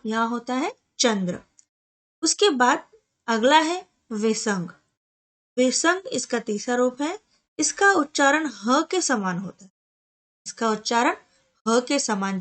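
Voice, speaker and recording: A woman teaching grammar at a slow, careful pace. Her voice sits a little high, and she sounds out each example step by step. She often poses a question to the listener and answers it herself. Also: fairly bright tone. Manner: slow, deliberate explaining with spelled-out examples; asks the viewer questions and answers them herself. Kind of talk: Hindi grammar lesson.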